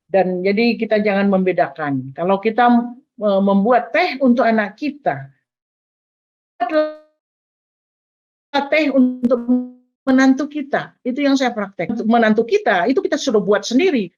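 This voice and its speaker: A woman's voice: a little high, expressive, normal speed. An older grandmother giving an earnest, advising talk on family life, with frequent fillers. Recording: dull lo-fi sound.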